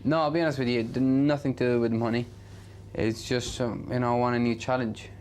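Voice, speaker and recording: Flat-voiced racing driver, casual interview. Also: male voice, mid-range voice, fairly quick, a little hiss or hum. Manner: casual, lots of "you know". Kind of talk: interview answers.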